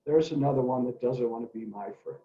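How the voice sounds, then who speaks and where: A man's voice: mid-range voice, fairly quick, close to an everyday voice. A man voicing a gloomy, self-pitying male donkey from a storybook, in an echoey room with dull lo-fi sound. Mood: mopey. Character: gloomy sad old male donkey, Eeyore.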